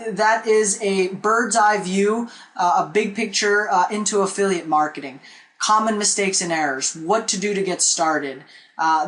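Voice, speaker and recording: A man's voice: high-pitched, a bit bright. A man, teaching a live online marketing webinar in a chatty way and often checking in with "okay?" and "right?", recorded on a desk webcam in a small room. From Philippines. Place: small indoor room with a whiteboard.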